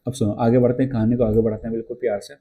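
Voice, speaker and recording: In a chatty, storytelling style, a male teacher delivers an exam-prep lecture, posing questions to his class and answering them himself. He reads lines from an English textbook slowly. His voice is medium in pitch and dark in tone, with little pitch movement.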